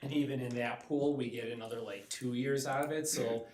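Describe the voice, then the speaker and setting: A man in a school board meeting, speaking casually and explaining things in a relaxed way with plenty of fillers. He sits some distance from the mic, so his voice carries a roomy echo and a faint hiss. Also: medium pitch, brisk. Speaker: district technology staff presenting. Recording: echoey room, mic at a distance.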